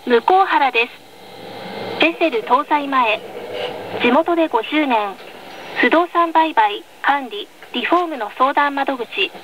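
Over the rumble of a moving tram, a woman reads scripted onboard announcements, polite and carefully enunciated. Her high voice has lively intonation and she takes her time. This noisy field recording of the tram speaker has its highs cut off, with crowd noise audible.

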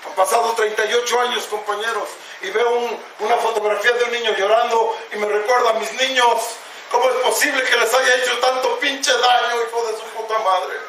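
Hombre mexicano de voz aguda y apasionada. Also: male voice, very high-pitched, little pitch movement, a little fast, sharp tone, distant mic, slight background noise. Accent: Mexican Spanish. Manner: raw, impassioned, swears heavily, addresses listeners as companions. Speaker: speaker sharing his testimony at a recovery meeting. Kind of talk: emotional personal testimony. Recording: echoey hall recorded from afar.

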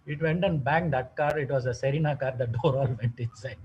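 A man's voice: medium pitch, brisk, breathy edge. A man giving a motivational health talk, telling stories and asking lots of rhetorical questions. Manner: lively storytelling with frequent rhetorical questions. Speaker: wellness talk presenter. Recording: dull lo-fi sound.

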